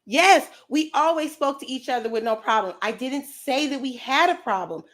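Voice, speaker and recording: A woman's voice: sits high, expressive, moderate pace, fairly bright tone. A woman hosting a livestream, talking casually and confrontationally, brash and profane as she answers comments from her chat. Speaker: livestream host.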